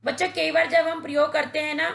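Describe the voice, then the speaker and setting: A woman's voice: sits high, little pitch movement, brisk, gravelly, fairly bright tone, roomy sound. A woman teacher giving a patient, instructive grammar lesson to children, addressing them directly. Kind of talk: slow, deliberate Hindi grammar lesson for children.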